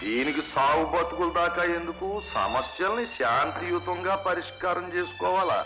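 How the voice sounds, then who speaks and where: A man's voice: a little high, moderate pace, over music, natural voice, low-quality recording. An actor playing a glib, mocking middle-aged father who lectures his family in a film scene. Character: sarcastic scheming middle-aged village father. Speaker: father of the bride. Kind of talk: 1980s film dialogue.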